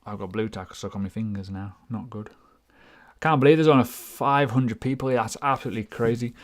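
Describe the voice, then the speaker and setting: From the United Kingdom, this crypto livestream host speaks briskly at a medium pitch during a casual live question-and-answer session, chatting away, poking fun at himself and wandering through tangents.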